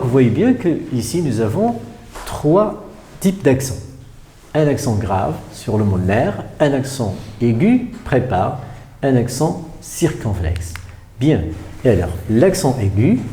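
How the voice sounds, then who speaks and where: A male primary school teacher explains spelling rules patiently, one step at a time, with many examples. He repeats the key points and often pauses on hesitation fillers. His voice is warm and relaxed, and his pitch moves a lot. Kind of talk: remote French spelling lesson.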